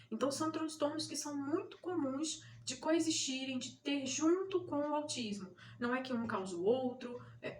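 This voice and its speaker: Brazilian mother-host, fairly high pitch, didactic explainer who repeats key points, light background hiss. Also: a bit bright. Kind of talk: educational explainer to parents.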